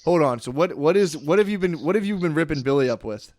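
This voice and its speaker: A man hosting a podcast in casual chat, talking in halting, restarting phrases. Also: on the high side, expressive, a little mellow, no echo. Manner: rambling, halting, with frequent restarts. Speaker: podcast host.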